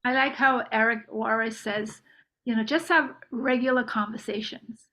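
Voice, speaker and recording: A woman's voice: a little high, fairly even intonation, a little slow, bright, forceful tone, poor audio. A woman joining a casual group video call, sharing advice in an easygoing, practical way. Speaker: team member on a call.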